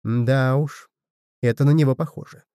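A man's voice: mid-range voice, steady tone, moderate pace, warm tone, clean tone, dry recording, studio quality, natural voice. A man voicing Bedda, a grieving, reproachful older widowed mother who laments and scolds. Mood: lamenting.

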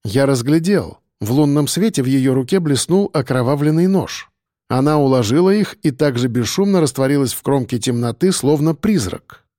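A man narrating an audiobook in the first person in a steady, tense storytelling manner. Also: mid-range voice, normal speed, dry recording, clean studio sound.

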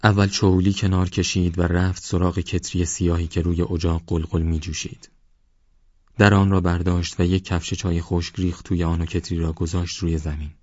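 A man narrating a novel as an audiobook in a slow, measured reading. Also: low voice, level tone, darkish tone, dry recording, lo-fi sound.

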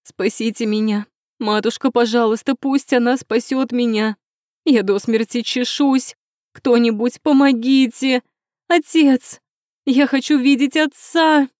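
A woman's voice: fairly high pitch, fairly even intonation, a little slow, a little mellow, no echo, studio quality, pitched above the performer's own voice, close to an everyday voice. A woman voicing a spoiled young princess, hysterical and pleading, crying out shrilly in an audiobook.

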